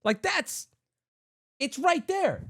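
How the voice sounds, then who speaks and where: A man livestreaming, reacting to clips in casual chat and often bursting into excited shouting. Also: extremely high pitch, slow, soft background music.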